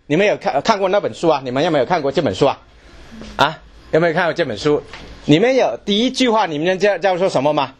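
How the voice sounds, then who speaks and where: Male preacher, husky voice, pitch rises and falls a lot, questions to the congregation. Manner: asks the congregation questions, repeats words. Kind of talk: sermon.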